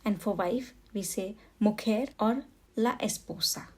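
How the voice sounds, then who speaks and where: In this slow beginner Spanish lesson, an Indian woman with a mid-range voice takes her time. Patiently, she repeats every word twice for her learners.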